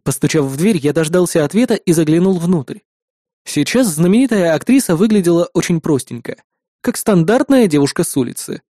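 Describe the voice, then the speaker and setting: A man's voice: fairly high pitch, lively intonation, brisk, warm tone, no room sound, studio quality. Man reading a wry first-person novel. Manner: wry, sarcastic asides. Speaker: audiobook narrator.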